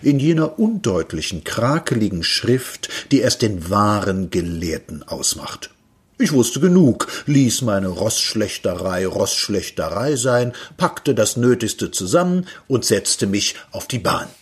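A man reading a literary story aloud in a wry, lively storytelling manner. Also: medium pitch, breathy edge. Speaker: reader.

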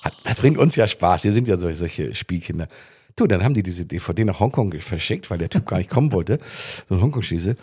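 A middle-aged man chatting casually on a podcast, telling lively stories and acting out other people in quotes. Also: sits low, brisk, breathy edge. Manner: animated anecdotes, voices others in quotes. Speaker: podcast guest. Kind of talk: casual storytelling chat.

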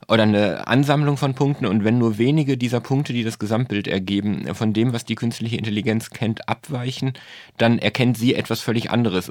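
Man, lowish voice, podcast co-host, thoughtful explaining. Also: dry recording, clean studio sound. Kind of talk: podcast talk. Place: studio.

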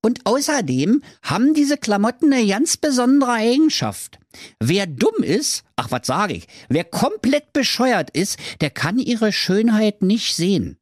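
A man voicing a cheeky, scheming shopkeeper and crook who pitches his goods fast in a Berlin accent. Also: very animated, no echo, studio quality, heavily acted. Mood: wheedling. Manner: fast-talking sales pitch.

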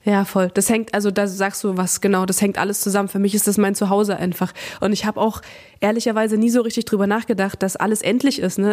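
A woman's voice: mid-range voice, a little mellow. A woman in her thirties, a radio and TV presenter, chatting frankly and casually as a podcast guest, with many fillers and slang words. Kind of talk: casual interview chat.

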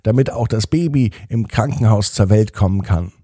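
A man's voice: on the low side, normal speed, mellow, slightly rough, no room sound, studio quality. A man voicing a reassuring police officer. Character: friendly adult male police officer.

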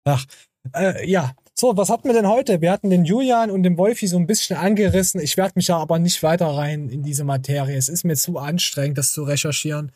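Sarcastic host, husky higher voice. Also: male voice, fairly quick, a little mellow, no room sound, studio quality. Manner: crude, sarcastic, laughing. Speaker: podcast host. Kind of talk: casual podcast chat.

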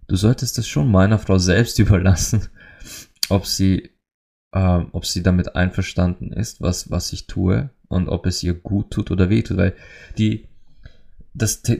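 A man with a very low voice and a gravelly, creaky edge speaks alone on his podcast. He sounds earnest and emotional and often breaks off to restart a phrase. The talk is unscripted and reflective. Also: dark tone. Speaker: podcast host. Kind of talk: reflective solo podcast monologue.

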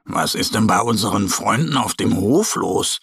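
A man's voice: on the low side, lively intonation, normal speed, vocal fry, fairly bright tone, breathy edge, dry recording, studio quality, exaggerated voice. A man voicing an eager, curious little bear boy in a children's storybook, in a childlike manner. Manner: childlike, eager and sometimes hesitant.

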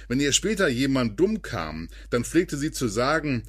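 Husky man narrating with lively pitch. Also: moderate pace. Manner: lively storytelling read with dramatic drops in pitch. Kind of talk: scripted podcast narration.

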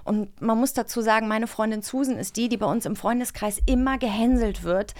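A woman chatting casually as a podcast host, with an animated, playful way of telling stories. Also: on the high side, fairly quick, dry recording, studio quality. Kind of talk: casual chat.

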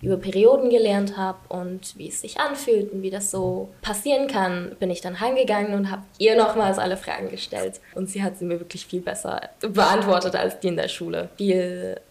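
A woman's voice: mid-range voice, normal speed, few pauses, a little mellow. A woman in her twenties from England, a podcast guest talking frankly and openly with fillers. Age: 20s. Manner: open, frank, many fillers. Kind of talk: casual interview talk.

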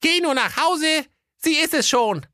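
A squeaky, grumpy talking dud bomb. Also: male voice, expressive, a little slow, pushed and bright, dry recording, studio quality, heavily acted. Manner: cheeky slang, grumbling. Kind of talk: comic audio fairy-tale reading.

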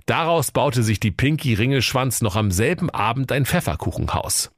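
A man narrating a comic storybook reading in an animated, playful way. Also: medium pitch, normal speed, no room sound, studio quality.

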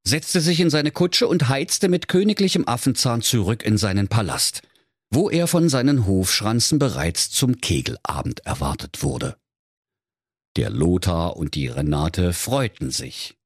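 A middle-aged Saxon storyteller reads a comic fairy tale with a husky, low voice. His delivery swings lively up and down as he turns to the children. The sound is dry and close. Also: unhurried, dry recording. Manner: playful, addresses the children.

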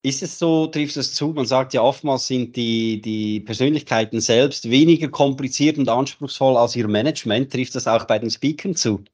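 Mann als aufmerksamer Interviewer. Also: male voice, medium pitch, moderate pace, hardly any pauses. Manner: attentive, frequent affirming murmurs. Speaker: interviewer, coach. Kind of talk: interview questions.

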